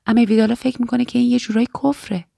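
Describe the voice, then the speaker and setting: A woman reading aloud and voicing a reserved young woman in training who speaks quietly and with restraint. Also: a little high, little pitch movement, vocal fry, dry recording, clean studio sound. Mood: restrained.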